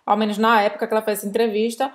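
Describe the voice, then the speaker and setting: A woman with a Brazilian accent, her voice sitting a bit high, explains French grammar in a relaxed lesson chat. She slows down to spell out sounds and words for learners. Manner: explanatory, demonstrates pronunciation slowly. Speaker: French teacher, co-host. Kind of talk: conversational language lesson.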